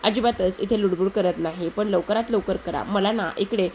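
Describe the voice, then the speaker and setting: A woman's voice: medium pitch, normal speed, darkish tone, slight background noise, lightly acted. A woman voicing an anxious, fretful middle-aged mother-in-law in a serial recap. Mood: pleading.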